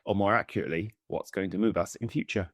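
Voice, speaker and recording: Deep-voiced man co-hosting a podcast. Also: fast talker, dry recording, clean studio sound. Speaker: podcast co-host.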